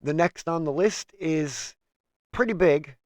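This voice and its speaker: A man's voice: fairly high pitch, takes it slowly, no room sound. A man hosting a casual wrestling review, steadily running through a list of news items. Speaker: host.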